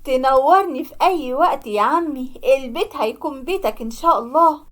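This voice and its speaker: A woman voicing a curt, defiant young man in a cartoon story, with an Egyptian accent. The voice sits high. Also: a little fast, fairly bright tone. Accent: Egyptian Arabic. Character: defiant young man, harsh to his mother.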